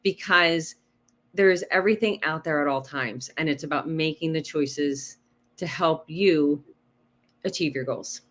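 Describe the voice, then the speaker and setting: Her voice sits low and she keeps a measured pace as a guest health coach on a podcast. In a casual interview, she animatedly walks through nutrition using numbers and rhetorical questions, frequently adding "right?".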